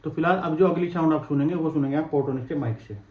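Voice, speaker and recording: A man's voice: fairly high pitch, quick pace, husky, phone-quality sound. A man casually reviewing wireless mics on a clip-on mic, chatty and explaining each step as he handles the gear. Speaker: tech reviewer vlogger. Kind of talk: casual product demo.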